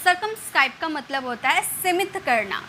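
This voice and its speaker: Woman, casual English vocabulary teacher, high voice, repeats words, faint room noise behind. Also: lively intonation, sharp tone. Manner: explains slowly, repeats words, many fillers. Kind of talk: casual spoken lesson.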